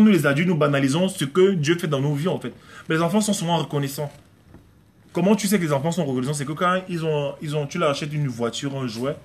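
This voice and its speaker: A man preaching a conversational sermon at home, emphatic and repetitive, often acting out prayers and little dialogues. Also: on the high side. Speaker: pastor. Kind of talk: conversational live-streamed sermon.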